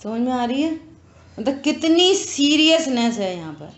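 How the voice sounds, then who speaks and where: A woman teaching a religious scripture class, explaining slowly and earnestly with rhetorical questions. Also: high voice, very animated. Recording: echoey room, dull lo-fi sound.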